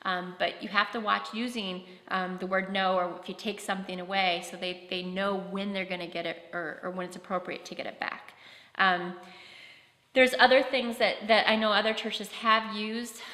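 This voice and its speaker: A woman's voice: mid-range voice, little pitch movement, normal speed, bright, forceful tone. A woman presenting a practical workshop talk at a conference, explaining with concrete classroom examples. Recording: echoey hall.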